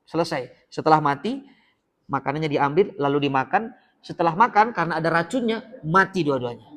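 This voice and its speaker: A man preaching an Islamic sermon to a congregation, telling stories with lively jokes and shifting between loud emphasis and soft asides. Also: a little high. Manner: joking with the audience.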